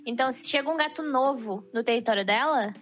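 High-voiced lively woman. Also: fast. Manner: lively, laughs easily. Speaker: podcast guest, streamer and voice actress. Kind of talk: casual chat.

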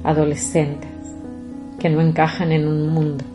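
A woman, hosting a reflective podcast and speaking slowly and deliberately straight to her listeners. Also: low-pitched, little pitch movement, over music. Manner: slow, deliberate, addresses listeners directly. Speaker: podcast host.

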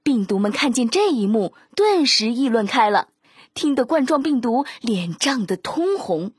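A woman's voice: a little high, very animated, normal speed, husky, no echo, studio quality. A woman narrating a children's story in a sing-song, coaxing way.

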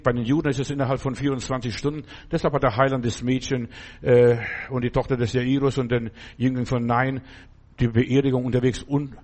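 A man's voice: medium pitch, darkish tone. A man preaching a sermon who addresses listeners directly and often checks with them, acting out cries for help in a raised voice.

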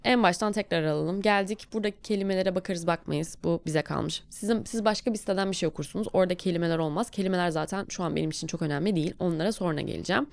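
Turkish-accented female English tutor, lowish smooth voice, dry close mic, lively walkthrough. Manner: lively, talks the learner through each step. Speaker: English teacher. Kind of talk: casual lesson explanation.

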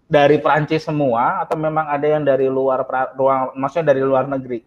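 A man's voice: mid-range voice, completely flat delivery, a little fast. Man interviewing over a dull call line. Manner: brief affirmations, mixes in English phrases. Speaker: interviewer, teacher. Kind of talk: casual video call chat.

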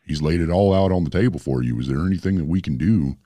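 A disguised, ultra-deep anonymous boss. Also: male voice, fast talker, no echo, studio quality. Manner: calm, steady, mediating. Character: anonymous male network boss, calm and in charge. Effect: disguised voice, pitched very deep. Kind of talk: comedy sketch.

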